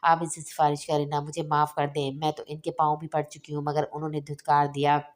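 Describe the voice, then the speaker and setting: A woman's voice: deep voice, monotone, fairly quick, natural voice. A woman reading aloud, voicing a distraught young woman who pleads through tears while confessing a guilty secret. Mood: pleading, tearful. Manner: pleading, sobbing speech.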